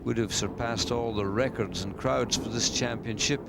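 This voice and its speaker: A man's voice: mid-range voice, steady tone, normal speed, vocal fry. A man giving descriptive live golf commentary in an understated, conversational way. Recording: noisy outdoor sports broadcast.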